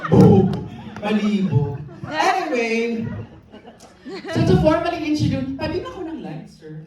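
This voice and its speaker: A Filipino woman doing live stand-up, teasing the crowd with brash, quick banter. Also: sits high, sing-song. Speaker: stand-up comedian host. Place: packed live venue with audience. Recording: echoey venue, crowd noise, distant mic.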